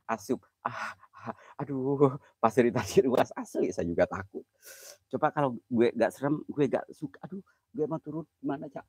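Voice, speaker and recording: A man's voice: on the low side, darkish tone, breathy edge, no echo. A young man, hosting a comedy ghost-hunting livestream by an old well, joking, laughing and greeting viewers on his phone. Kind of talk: casual joking livestream chat. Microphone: phone camera.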